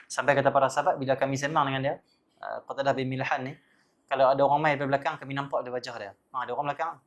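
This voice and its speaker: Fast-talking man teaching religion. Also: mid-range voice, highs cut off. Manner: animated storytelling with frequent devotional exclamations. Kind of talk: religious lecture.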